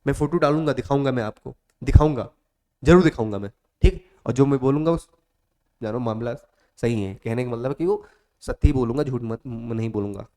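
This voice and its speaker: A man's voice: mid-range voice, brisk, warm tone. A male coaching teacher speaking. He gives a motivational class talk, repeats his points over and over, calls the students "beta" and sometimes acts out student voices.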